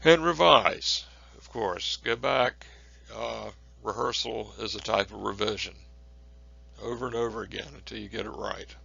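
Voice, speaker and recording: A male instructor giving a recorded lecture on presentation skills, measured and plain, with frequent filler words. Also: on the low side, vocal fry, sharp tone, slightly rough. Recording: dull lo-fi recording.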